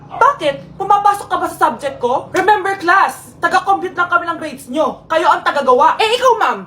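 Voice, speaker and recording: A woman's voice: extremely high pitch, expressive, moderate pace, pushed and bright, slight background noise. A woman acting out comic school and family skits, brash and dramatic as she bickers between characters. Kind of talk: comedy skit acting, playing several characters.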